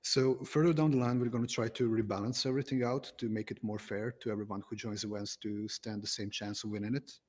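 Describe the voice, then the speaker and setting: A man's voice: lowish voice, fairly even intonation, fast, few pauses, darkish tone. A man from Croatia, a game developer answering interview questions in an easygoing, hesitant way with many fillers.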